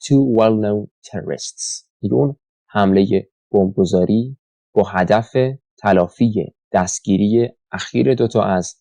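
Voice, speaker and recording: Male teacher, low mellow voice. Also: dry recording. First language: Persian. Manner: explains in Persian, reads English examples slowly and deliberately. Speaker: English teacher. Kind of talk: vocabulary lesson.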